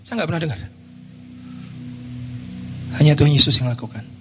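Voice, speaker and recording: A man's voice: fairly high pitch, expressive, a little fast, fairly bright tone. A man preaching a sermon as a pastor, telling stories dramatically and mixing in English phrases. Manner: dramatic storytelling, acts out quotes, mixes in English phrases. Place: church hall. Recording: reverberant hall with music behind.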